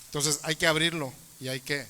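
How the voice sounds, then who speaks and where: A man's voice: a little high, fairly even intonation, a little fast, sharp tone, big-room sound. A man moderating a church panel discussion, conversational and often ending points with tag questions.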